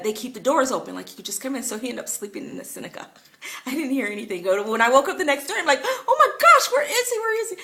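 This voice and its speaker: Bright-voiced woman telling a story. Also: a little high. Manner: chatty, many fillers, laughs while telling. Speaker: vlogger. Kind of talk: casual storytelling to camera.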